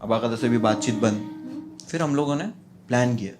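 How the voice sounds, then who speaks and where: A man, telling an animated stand-up comedy story and laughing between lines. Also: mid-range voice, brisk, over music. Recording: loud background noise.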